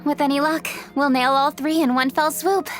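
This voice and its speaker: Actress voicing earnest woman scholar, measured, a bit high-pitched, soft music behind. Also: steady tone, close to an everyday voice. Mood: explaining. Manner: measured, thoughtful, explaining. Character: earnest young female scholar of old traditions.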